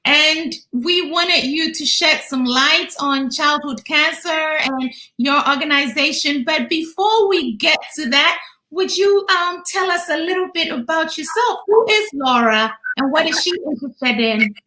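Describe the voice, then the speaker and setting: High, bright woman host in echoey room. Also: unhurried. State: slightly hoarse, losing her voice. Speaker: talk show host. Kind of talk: casual interview chat. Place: indoors on an online call. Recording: echoey video call.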